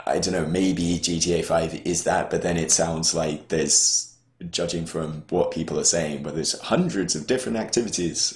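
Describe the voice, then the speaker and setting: Male podcast co-host, deep voice, hesitant rambling delivery, echoey recording. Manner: rambling, hesitant, with many restarts. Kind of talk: casual podcast chat. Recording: roomy echo.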